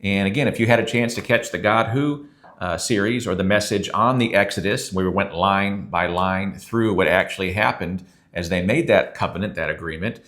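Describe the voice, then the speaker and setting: A man's voice: low-pitched, normal speed, fairly bright tone. A man who is a pastor, teaching a sermon in an earnest, conversational way and reading scripture aloud.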